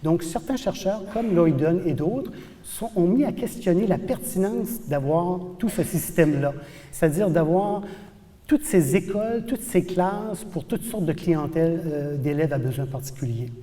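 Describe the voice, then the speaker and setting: A professor lectures with animated emphasis, repeating key words to drive them home. His voice sits fairly high but sounds mellow and soft-edged. The sound carries a long reverb from a large hall. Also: measured pace. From New Brunswick, Canada.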